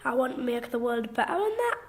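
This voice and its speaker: In a radio drama, a performer plays an eager, naive working-class schoolboy with a Geordie accent, talking in an earnest, questioning way. The voice is medium-pitched, sing-song, and fast.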